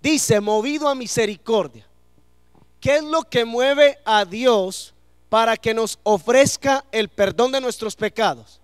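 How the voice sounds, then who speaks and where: A man's voice: extremely high pitch, clear, resonant tone, no echo. Guy preaching in church, asks the crowd questions, clean dry sound. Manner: asks the congregation questions and lets them answer. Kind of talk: sermon. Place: church before a congregation.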